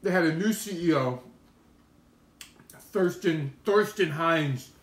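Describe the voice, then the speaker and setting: A mukbang streamer chats casually with his livestream viewers, rambling, sharing opinions, and telling stories full of slang. His voice is a little high and he takes his time. The sound is roomy and echoey.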